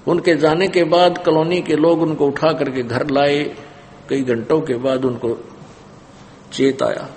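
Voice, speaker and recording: A man's voice: a little high, flat delivery, a little slow, darkish tone, big-room sound, slight background noise. A man telling a devotional story in a sermon, acting it out dramatically. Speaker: preacher.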